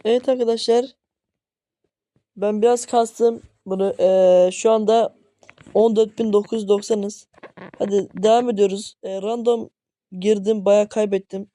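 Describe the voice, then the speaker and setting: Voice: mid-range voice, steady tone, a little slow, warm tone, no echo. Frustrated gaming commentator, grumbling at teammates. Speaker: gaming channel host. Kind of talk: gameplay commentary. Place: at home.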